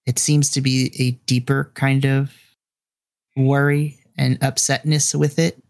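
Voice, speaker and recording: A man running a tabletop game, describing scenes slowly and addressing the player directly. His voice has a gravelly, creaky edge, and the recording is dry with no room sound. He lingers over each phrase. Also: mid-range voice, flat delivery, dry recording. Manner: second-person narration addressing the player by name. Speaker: game master.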